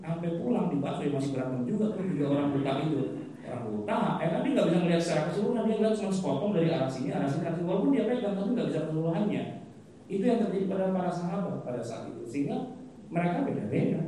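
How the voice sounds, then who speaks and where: A man's voice: fairly high pitch, animated, racing, warm tone, distant mic, slight background noise. Man lecturing in an echoey hall. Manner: chatty and humorous, acts out quoted voices, frequent "gitu kan" tags. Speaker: Islamic teacher giving a weekly study talk. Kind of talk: casual religious lecture with storytelling.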